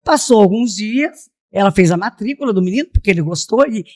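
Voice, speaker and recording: Her voice is medium in pitch, expressive and somewhat dark, and she talks fairly quickly. She is a middle-aged woman from Piracicaba, Brazil, in São Paulo state, a missionary sharing her personal testimony as a podcast interview guest and regularly tossing in "né?".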